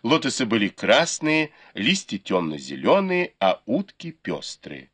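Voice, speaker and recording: A man narrating an audiobook in a measured, expressive storytelling manner. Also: on the low side, husky.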